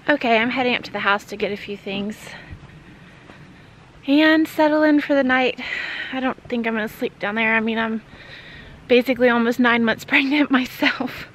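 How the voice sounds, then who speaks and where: In a wooden barn at night and a farmhouse kitchen, a woman in her thirties vlogs casually, soft-spoken and often whispering. Her pitch is fairly high and her speed normal, and a slight hiss or hum runs underneath.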